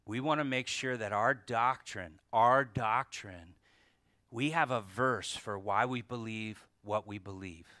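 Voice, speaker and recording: A man's voice: lowish voice, unhurried, pushed and bright, no room sound, clean studio sound. A man preaching a sermon at a pulpit microphone. He stresses key words, repeats them, and puts rhetorical questions to the congregation. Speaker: pastor.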